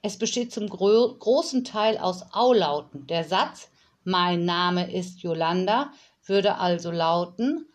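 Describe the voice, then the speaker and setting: Storybook part: a woman reading a gentle nanny, patient and unhurried. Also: on the low side, expressive. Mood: explaining. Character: calm whimsical woman nanny.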